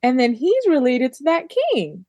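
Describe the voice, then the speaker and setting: Chatty higher-voiced woman, dry sound. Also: sing-song, normal speed, a little mellow, dry recording. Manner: chatty, heavy use of "like" fillers. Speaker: book discussion co-host. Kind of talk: casual book club chat.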